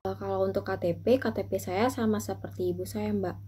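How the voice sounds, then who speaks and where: A woman's voice: medium pitch, fairly even intonation, a little fast, warm tone, slight background noise, close to an everyday voice. A woman playing a polite daughter who explains things for her mother in an amateur role-play. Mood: polite, explaining.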